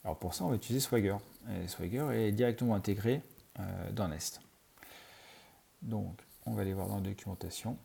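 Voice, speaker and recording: A man's voice: on the low side, a little fast, vocal fry, warm tone, husky. A man teaching programming in a screencast, talking through his code as he types, with many fillers. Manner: thinks aloud while typing, many fillers. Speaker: programming tutor. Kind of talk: screencast coding tutorial.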